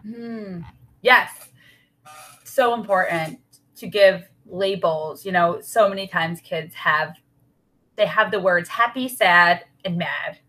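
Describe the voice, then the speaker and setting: A woman's voice: lowish voice, slow, pushed and bright, poor audio. A woman talking as a guest expert in a podcast interview, who acts out the worried voices in people's heads. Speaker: guest expert on child anxiety.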